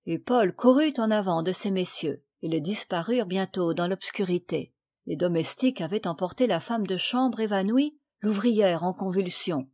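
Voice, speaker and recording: Calm woman reading a classic novel. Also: medium pitch. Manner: calm, measured storytelling. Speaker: audiobook reader. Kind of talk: scripted narration of a classic novel.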